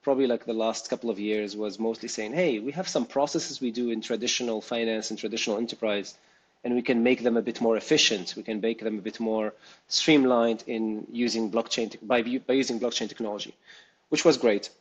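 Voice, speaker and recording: A man's voice: mid-range voice, steady tone, brisk, breathy edge, rough recording. Thoughtful man from Tunisia. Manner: thoughtful, with frequent ums and restarts. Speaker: guest, startup co-founder. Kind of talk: interview conversation.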